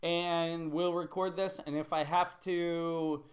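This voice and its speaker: A man's voice: fairly high pitch, little pitch movement, takes it slowly. A man teaching English on a live stream, chatty and thinking aloud as he corrects a student's writing at his computer. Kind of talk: live-streamed online lesson.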